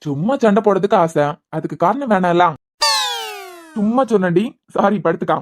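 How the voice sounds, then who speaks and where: A woman's voice: mid-range voice, a little mellow, a little hiss or hum, close to an everyday voice. A woman voicing an injured young husband in a cartoon, talking bluntly and teasingly in a Kanyakumari Tamil accent. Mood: probing. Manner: blunt, teasing, quick talk. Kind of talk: cartoon voice acting.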